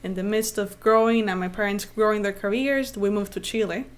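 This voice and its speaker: A woman's voice: medium pitch, a little fast. Honduran-born woman chatting and laughing easily. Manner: animated, laughs easily, fillers like um. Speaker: financial advisor guest. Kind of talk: casual interview conversation.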